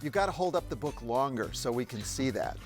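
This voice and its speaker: A man's voice: medium pitch, lively intonation, brisk, faint music behind. A man hosting a quiz show, reading questions and narrating in a jokey, playful way with frequent laughs. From Evanston, Illinois.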